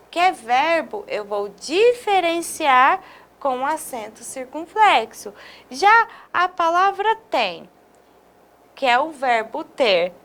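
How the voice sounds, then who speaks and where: A woman's voice: sits high, a bit bright. A woman from Brazil teaching an online video lesson, drawing out example words and often checking in with her listeners. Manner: slow, stresses syllables, drawn-out example words.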